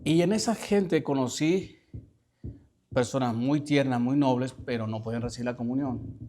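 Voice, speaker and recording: Spanish-speaking priest preaching slowly. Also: male voice, mid-range voice, dark tone, a little hiss or hum. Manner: questioning the listeners, slow emphatic reading. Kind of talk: sermon.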